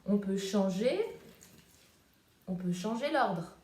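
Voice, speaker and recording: A woman teaching young children in a remote lesson, speaking in a gentle, sing-song teacher voice. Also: mid-range voice, expressive, slow pace. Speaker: preschool teacher. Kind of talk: remote class video lesson. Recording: echoey room, voice from off the mic.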